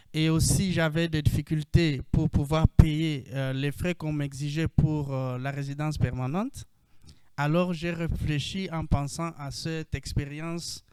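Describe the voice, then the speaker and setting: A man with a Congolese French accent speaks slowly and deliberately on a video call, pausing often with hesitations as he introduces himself to a panel. His voice sits a little high and sounds clear and smooth, and the recording is dry with no room sound. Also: a little mellow, dry recording. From Democratic Republic of the Congo. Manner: measured, with frequent hesitations. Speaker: panelist, co-op founder.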